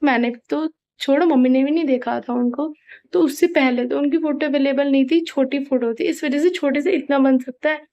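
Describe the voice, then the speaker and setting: A woman's voice: sits high, steady tone, moderate pace, mellow, dull audio. A young woman chatting casually in a home vlog, rambling and apologetic, with a sore throat. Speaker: vlogger. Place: family home, indoors.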